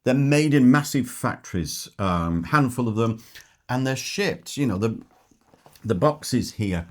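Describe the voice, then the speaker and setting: A man's voice: mid-range voice, lively intonation, a little slow. A middle-aged man co-hosting a travel vlog, chatting casually while tasting food and talking with his mouth full.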